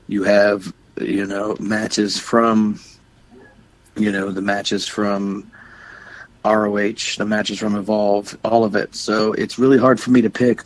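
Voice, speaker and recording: A man's voice: lowish voice, rough recording. A young man co-hosting a wrestling podcast, talking casually and rambling with many restarts. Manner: plugs shows and websites. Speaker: podcast co-host. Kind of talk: casual chat.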